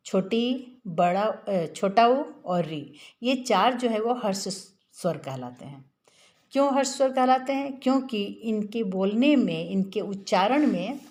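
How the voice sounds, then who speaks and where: A woman's voice: mid-range voice, a little mellow. Patient woman teaching grammar. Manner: patient, drawn-out demonstration of vowel sounds. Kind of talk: classroom lesson explaining grammar.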